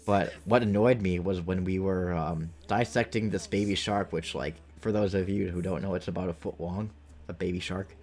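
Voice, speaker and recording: This late-twenties livestreamer has a low, slightly mellow voice with fairly even intonation and a moderate pace. Over music, he chats casually with viewers while gaming, wandering through anecdotes and performing quoted lines.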